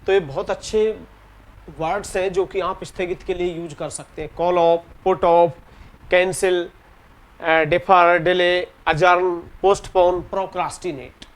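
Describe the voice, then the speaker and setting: A man with an Indian English accent teaching an exam-prep grammar lesson in Hindi. He reads the English example sentences slowly and deliberately and often repeats key words. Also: high-pitched, steady tone. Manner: repeats key words and ends points with "theek hai".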